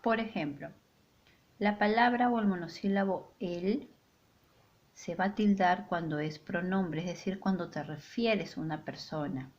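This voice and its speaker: A woman teacher explains a grammar lesson at an unhurried pace. She sets out each rule clearly and gives weight to her example sentences. The sound is a little dull and lo-fi. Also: fairly low pitch, darkish tone. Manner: slow, clear, deliberate delivery with stressed example sentences.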